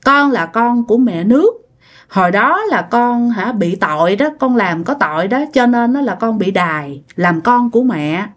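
A woman's voice: on the high side, animated, normal speed. A woman with a Southern Vietnamese accent voicing the spirit of a dead young man who speaks sorrowfully through a medium. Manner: sorrowful explaining.

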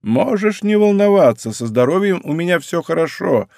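A man's voice: sits high, very animated, normal speed, creaky, mellow, no echo, studio quality, voice pushed up, exaggerated voice. Male reader playing a grouchy elderly lady from an audiobook; raised, snappish, grumbling. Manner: prickly, grumbling. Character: grumpy sharp-tongued old noblewoman. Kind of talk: audiobook character reading.

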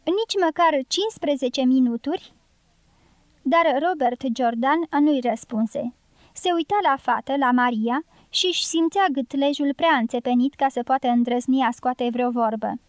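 A woman narrating an audiobook in steady, scripted reading. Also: high voice, dry recording.

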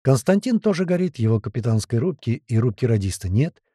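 A man reading a first-person audiobook with tense, lively storytelling. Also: medium pitch, a little fast, breathy edge, dry recording, studio quality. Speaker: audiobook narrator.

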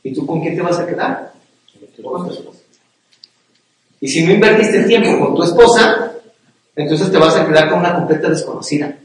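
A middle-aged man with a Mexican accent preaches a sermon to men in a fairly high voice at a fairly quick pace. He is earnest, repeats himself for emphasis, and often checks in with "¿sí?". The hall is very echoey, and he stands far from the mic.

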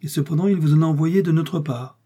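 Ardent young guardsman, voiced by a man; urgent, earnest, husky low tone. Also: brisk, warm tone.

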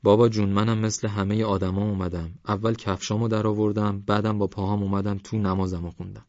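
Guy reading a chill young guy calming someone down, deep voice, dry dull sound. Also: no room sound, natural voice. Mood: reassuring. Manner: calm and reassuring. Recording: dry, slightly dull recording.

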